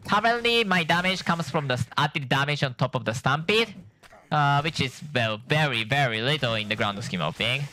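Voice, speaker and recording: This male gameplay streamer sounds lively despite being sleep-deprived, with a fairly high, bright, forceful voice at normal speed. He rambles casually over the game, talking through his thoughts and correcting himself, with a little hiss or hum in the recording.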